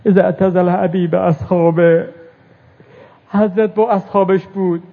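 A man preaching a religious mourning sermon, reciting Arabic verses and moving between hushed telling and rising lament. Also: sits high, steady tone, vocal fry. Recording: tinny phone-like recording.

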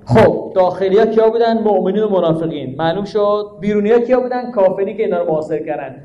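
A man giving a sermon, asking his listeners rhetorical questions, stressing his points, and reciting Arabic verses. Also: high-pitched. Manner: rhetorical questions, emphatic teaching tone. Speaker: preacher. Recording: dull, echoey hall recording.

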